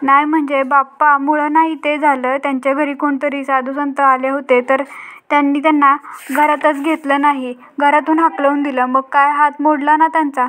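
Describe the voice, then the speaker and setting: A woman voicing a nervous, superstitious young man, reading his lines in a high, level voice. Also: level tone, normal speed, fairly bright tone.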